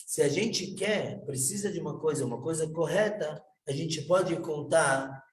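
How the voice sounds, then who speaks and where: A man, a rabbi, tells a story in an unhurried, animated way, stumbling over a word now and then. His voice sits a little high. The recording is echoey and picked up from some distance. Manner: unhurried, animated retelling with halting restarts. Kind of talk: storytelling talk. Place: out and about near kosher shops.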